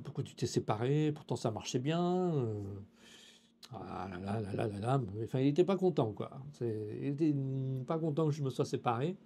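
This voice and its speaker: Man from France, young, casual vlog storyteller with a warm, slightly husky voice; animated, acts out the other people. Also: mid-range voice. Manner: animated, acts out dialogue, drops in Japanese phrases. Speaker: YouTuber telling a personal story.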